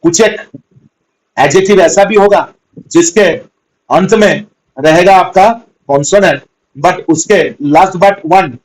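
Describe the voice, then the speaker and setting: Male tutor, fairly high-pitched, steady classroom explaining, checks understanding often. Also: poor audio. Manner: patient, repetitive, spells out words letter by letter. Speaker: teacher. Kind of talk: grammar lesson.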